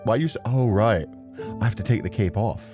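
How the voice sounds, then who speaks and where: Over music, a man with a lowish voice talks fairly quickly. He's a livestream host for gaming, chatting and rambling casually and expressively before the game starts.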